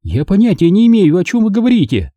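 A man voicing a rich, indignant middle-aged woman who protests in a shrill, squealing voice. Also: sing-song, moderate pace, dark tone, no room sound, lo-fi sound.

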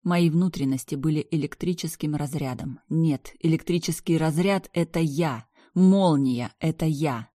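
A woman's voice: deep voice, normal speed, hardly any pauses, mellow, no echo, clean studio sound. A woman reading a first-person story aloud, her narration tense and intense. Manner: tense, intense, rising into anger. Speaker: audiobook reader.

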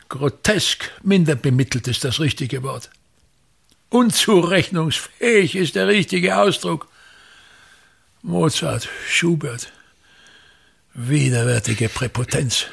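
In a theatrical German-language radio play monologue, a man plays a pompous, bitter, ranting old actor-manager of a touring theatre, a gravelly theatre tyrant. His exaggerated mid-range voice is scornful and declamatory, contemptuously repeating words with grand emphasis.

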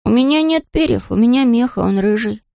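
A woman's voice: a little high, expressive, normal speed, dark tone, dry recording, pitched above the performer's own voice. Proud grumbling fox cub, voiced by a woman. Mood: hungry. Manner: gruff grumbling. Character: young fox cub boy, proud and touchy.

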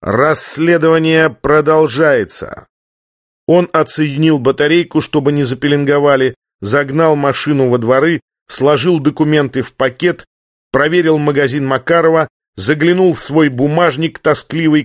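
A man reading a story aloud in a steady, plain narrating voice. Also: a little high, moderate pace, no echo, clean studio sound. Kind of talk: audiobook narration.

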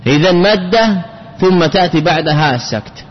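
At a moderate pace, a male teacher with an expressive voice that sits high gives a classroom lecture on grammar, repeatedly asking rhetorical questions and repeating key phrases. The recording is dull and lo-fi, with long hall reverb.

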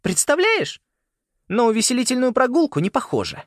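A man's voice: deep voice, fast talker, no echo, clean studio sound, close to an everyday voice. A man voicing a tired, irritable teenage girl who grumbles in exasperation. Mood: grumbling.

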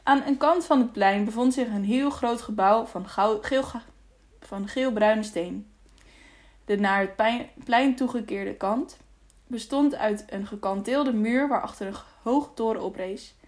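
A woman's voice: on the high side, unhurried. Woman narrating an audiobook. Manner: steady, clear storytelling.

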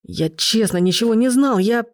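A woman's voice: on the high side, lively intonation, moderate pace, no echo, clean studio sound, voice pushed up, natural voice. Woman voicing a choked, frightened young man. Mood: scared. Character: scared, guilty young man, the brother.

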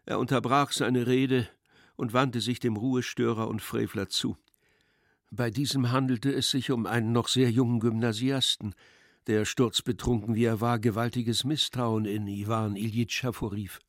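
A man narrating a classic story in a measured, expressive literary reading. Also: mid-range voice, no room sound, studio quality.

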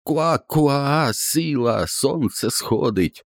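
A man's voice: animated, very slow, vocal fry, dry recording, clean studio sound, exaggerated voice. A man voicing a fierce falcon-man from an audiobook legend, shrieking in a piercing chant. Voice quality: piercing shrill cries.

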